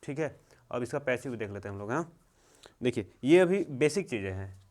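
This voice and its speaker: A young man teaching English grammar in a slow, repetitive way, checking in often. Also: medium pitch, expressive, a little mellow. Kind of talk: classroom-style grammar lesson.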